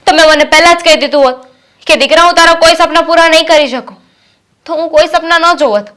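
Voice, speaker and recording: A woman's voice: extremely high pitch, quick pace, pushed and bright. A woman playing a reproachful young daughter. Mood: hurt, defiant. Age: young adult. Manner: reproachful, firm. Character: student daughter, resentful and determined. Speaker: daughter studying to be a pilot. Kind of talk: Gujarati short-film acting.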